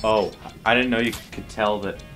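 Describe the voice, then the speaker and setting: A man's voice: lowish voice, steady tone, moderate pace, music in the background. A young man giving casual let's play commentary, rambling and jokey, exasperated by game lag. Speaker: gaming video host.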